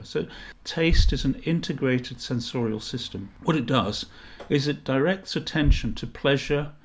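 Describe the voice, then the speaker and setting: A man giving a live online lecture over a video call, talking conversationally with frequent fillers and restarts. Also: medium pitch.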